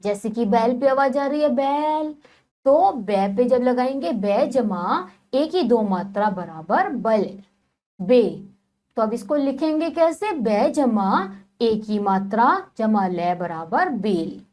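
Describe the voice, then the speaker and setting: A woman teacher giving a children's phonics lesson, patient and repeating each step slowly. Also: on the high side, expressive, darkish tone.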